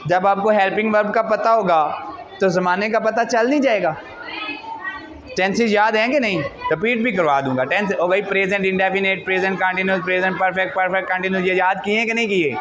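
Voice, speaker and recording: A man with a high-pitched, brisk voice teaches an English lesson in a school classroom, speaking with an accent. He keeps questioning the class and calls the students "beta." The muffled recording picks up a noisy room full of chatter.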